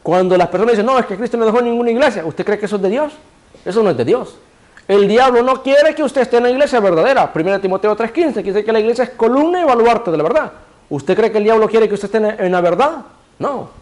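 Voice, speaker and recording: Male preacher, high voice, sermon delivery, rhetorical questions answered himself, cues a reader to repeat verses. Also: expressive, fast talker, a little mellow. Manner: asks the congregation rhetorical questions and answers them; directs a reader to repeat scripture phrases.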